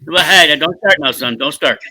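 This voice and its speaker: A man's voice: a little high, a little fast, pushed and bright. A man in his seventies, a regular panelist, bantering and teasing on a casual podcast. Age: 70s. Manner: teasing, laughing, gruff banter.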